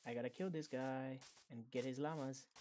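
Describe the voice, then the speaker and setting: A man's voice: medium pitch, steady tone, moderate pace, a little mellow. A young man gaming with friends, asking curious, rambling questions over a headset. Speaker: gamer. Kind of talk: casual gaming chat. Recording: voice chat with audible hiss.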